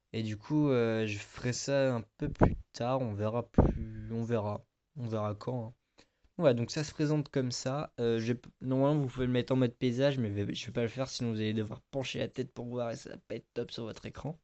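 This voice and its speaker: A man talks through a casual screen-recording tutorial in a relaxed, rambling way. He often stops to hesitate and fills the gaps with small filler words. His voice sits at an ordinary middle pitch. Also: lo-fi sound. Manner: chatty, rambling, lots of "donc voilà" and hesitations. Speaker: tutorial video host.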